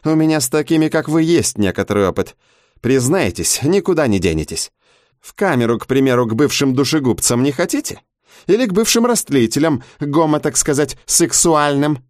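A man's voice: on the high side, expressive, darkish tone, no room sound, clean studio sound, pitched above the performer's own voice, natural voice. A man voicing a mocking male interrogator who drags out his bureaucratic phrases. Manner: mocking, drawn-out officialese.

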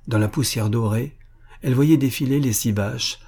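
A man reading a classic novel aloud as an audiobook narrator, steady and measured. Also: medium pitch, breathy edge.

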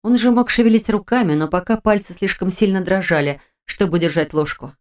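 A woman reading a first-person fantasy audiobook in a measured, expressive way. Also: mid-range voice. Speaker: audiobook narrator.

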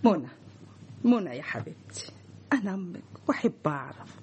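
A woman's voice: lowish voice, big pitch swings, a little fast, darkish tone, slight background noise. An actress with an Egyptian accent playing a fussy, doting, middle-aged mother in a radio drama, coaxing and chatty. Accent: Egyptian Arabic. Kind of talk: classic radio drama acting.

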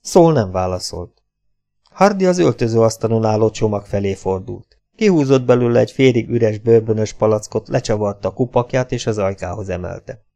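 A man reading an audiobook as the narrator, in a steady, even manner. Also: on the low side. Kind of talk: scripted narration.

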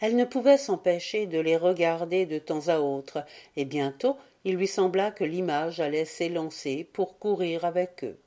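A woman reading a fairy tale aloud as an audiobook narrator, in an unhurried, gently expressive way. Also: on the low side. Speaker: audiobook reader. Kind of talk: scripted storybook narration.

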